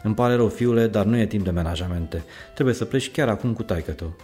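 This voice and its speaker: A man voicing a bossy mother who gives sharp, commanding orders. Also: fairly low pitch, soft background music, close to an everyday voice. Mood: urgent.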